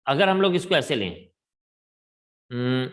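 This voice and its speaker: A man teaching math in a classroom lecture, talking slowly and deliberately in a mix of Hindi and English. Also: medium pitch, expressive, a bit bright.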